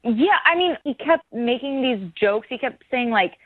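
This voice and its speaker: A woman's voice: a little high, animated, moderate pace. A woman answering an unexpected call, wary and puzzled, frank about a bad date. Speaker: person called on the phone. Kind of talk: phone conversation. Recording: tinny phone line.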